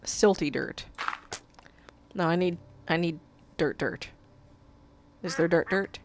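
A woman with a lowish voice takes her time reading quest text aloud in a casual let's play, with a little hiss or hum audible. She has a cold, has a cough drop in her mouth, and swears when she messes up.

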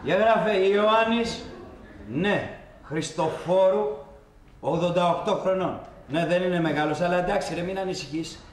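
A brash, hustling undertaker barks slang down a bad phone line, played by a man. His voice sits high and bounces around a roomy space. The delivery is blunt and pushy. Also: a little hiss or hum, close to an everyday voice. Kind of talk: film comedy acting.

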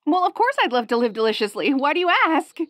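Bubbly young wolf girl, female performer, audio role-play. High, very animated, perky, curious, playful and excitable. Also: fast, no echo, studio quality. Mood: excited, playful.

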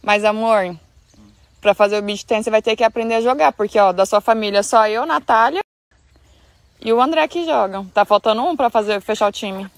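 A woman's voice: fairly high pitch, a little fast, no room sound. A young woman talking casually and playfully while filming on a country estate. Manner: chatty, playful. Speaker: vlogger. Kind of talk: casual vlog chat.

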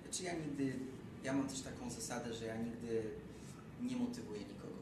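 A young man, a running coach, explaining his views calmly and firmly in casual conversation. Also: medium pitch, fairly quick. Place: bright office room. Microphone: far camera. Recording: echoey room from far off with noise.

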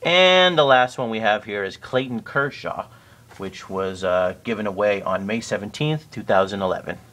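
A man casually narrating a walkthrough of his collection on home shelves, naming items one after another with the odd pause and self-correction. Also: on the low side. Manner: steady list-like naming with occasional uh and self-corrections. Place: indoors at home by display shelves.

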